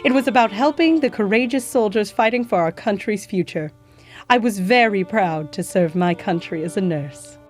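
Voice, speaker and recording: A woman's voice: medium pitch, moderate pace, faint music behind, close to an everyday voice. A woman playing a gracious historical nurse who tells her life story in a genteel way, calling her listener "my dear". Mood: earnest. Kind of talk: scripted educational acting.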